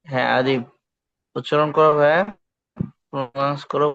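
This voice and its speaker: A man's voice: fairly high pitch, flat delivery, moderate pace, a bit bright, clean tone, dry recording. A male English teacher, leading an online pronunciation drill and patiently repeating words for students. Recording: dull lo-fi online call audio.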